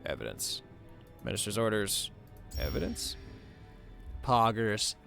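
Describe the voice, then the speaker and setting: A man's voice: fairly low pitch, very animated, slow pace, gravelly, a bit bright. A man hosting a gaming video, reading game text aloud and muttering casual commentary to himself. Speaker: gaming host. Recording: game music behind the voice. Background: game music.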